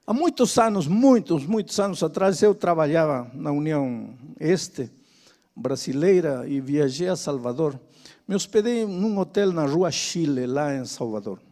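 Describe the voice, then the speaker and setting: A man's voice: on the high side, animated, a little slow, mellow, long reverb tail. An older man preaching a sermon, repeating his phrases with emphasis and telling a dramatic story.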